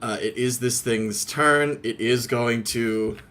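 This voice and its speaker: A man running a tabletop game as game master, excitable, laughing often and swearing freely. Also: medium pitch, takes it slowly.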